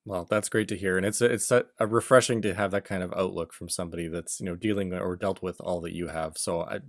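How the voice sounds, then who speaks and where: A man hosting a podcast interview, earnest and enthusiastic, stumbling over words when excited. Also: deep voice, fast, dry recording, studio quality. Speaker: podcast host. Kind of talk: casual interview talk.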